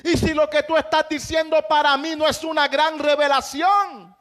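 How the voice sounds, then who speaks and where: A man preaching a sermon as pastor, impassioned, often raising his voice to a shout for emphasis. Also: extremely high pitch, fairly even intonation, normal speed.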